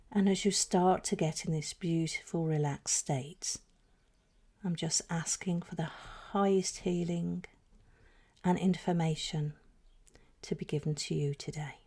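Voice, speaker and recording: A woman guides a meditation in a soft, breathy, low-pitched voice that often fades toward a whisper. She phrases things slowly and soothingly, leaving deliberate pauses.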